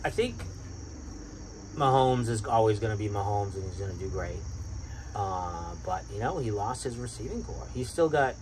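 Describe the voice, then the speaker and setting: Boston guy hyping football picks, jumps way up when excited, bit of hiss behind him. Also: moderate pace. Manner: excitable, bursts up in pitch when hyped. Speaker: sports podcast co-host. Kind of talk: casual sports chat.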